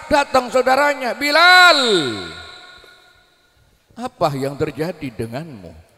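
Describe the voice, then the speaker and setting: A man's voice: very high-pitched, pushed and bright, in a large hall. A male preacher telling a story dramatically, acting out voices and joking with his audience. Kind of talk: sermon with Arabic devotional singing.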